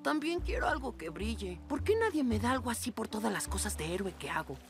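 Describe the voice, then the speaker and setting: Excitable, bragging cartoon boy, whiny edge, Latin American Spanish, lively high pitch. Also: brisk, soft background music. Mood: whiny, boastful. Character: cocky, excitable ten-year-old boy hero. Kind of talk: cartoon dub acting.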